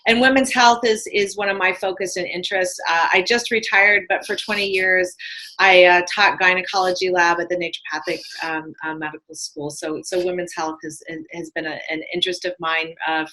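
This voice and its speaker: A woman naturopathic physician introducing herself in a measured way, correcting herself as she goes. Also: fairly low pitch, fairly even intonation, bright, forceful tone, low-quality recording.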